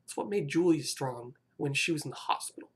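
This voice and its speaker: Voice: mid-range voice, animated, brisk, breathy edge. A young adult of about twenty vlogging a rambling, hesitant personal confession, often apologizing and restarting sentences.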